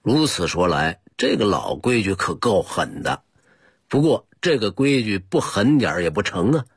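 A man's voice: fairly low pitch, big pitch swings, moderate pace, breathy edge. A man presenting a scripted radio talk on old customs, in a chatty storytelling manner that speaks straight to the listener.

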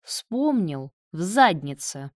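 A man's voice: sits high, animated, slow pace, no room sound, studio quality. A woman voicing a blunt, sardonic young male doctor who speaks in curt, cutting lines.

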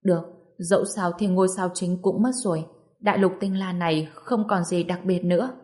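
A man's voice: sits high, fairly even intonation, moderate pace, darkish tone, close to an everyday voice. A woman reading the part of a kindly older male clan elder in a storybook, in a plain, explaining way.

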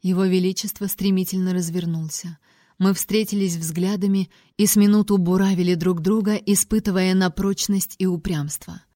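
Woman narrating an audiobook, dark tone. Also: lowish voice, steady tone, normal speed, no room sound, studio quality. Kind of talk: first-person novel reading.

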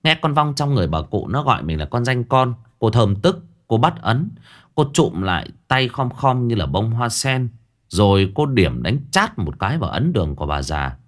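A man telling a ghost story with an expressive delivery. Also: medium pitch, normal speed.

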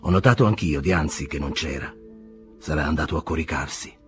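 A man's voice: extremely low pitch, brisk, faint music behind, voice pushed down. A man reading aloud voices an earnest, slightly stiff young German man in a storybook reading.

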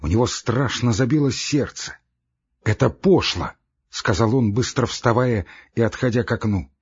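A man reading a classic story aloud as narrator, in a measured, steady way and a husky voice. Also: medium pitch, highs cut off. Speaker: audiobook narrator.

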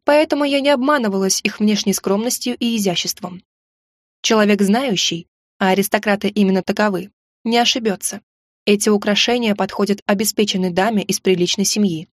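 A woman reading a first-person audiobook with expressive, emotional storytelling. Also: mid-range voice, no echo, clean studio sound. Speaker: audiobook narrator.

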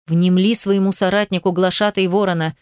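A woman's voice: medium pitch, steady tone, fairly quick, darkish tone, clear, resonant tone, dry recording, clean studio sound, lightly acted. Woman playing a curt practical male ally. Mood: firm.

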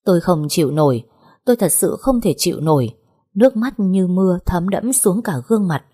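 A woman narrating a first-person audiobook story in a slow, mournful way. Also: lowish voice, lively intonation, dark tone, slightly rough.

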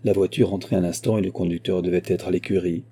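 A man narrating a classic novel as an audiobook reader, in a steady, measured reading voice. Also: low voice, husky. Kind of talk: scripted narration.

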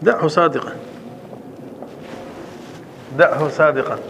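Male grammar teacher, fairly high voice, patient explainer who drags out examples, faint hiss behind. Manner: slows down to spell out example sentences, asks "clear?" often. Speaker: sheikh teaching Arabic grammar. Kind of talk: classroom grammar lesson.

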